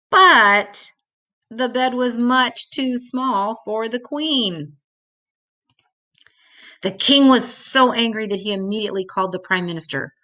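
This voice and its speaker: An older woman's mid-range voice carries a children's picture book read-aloud. Each important word is drawn out in her careful, expressive reading for young listeners.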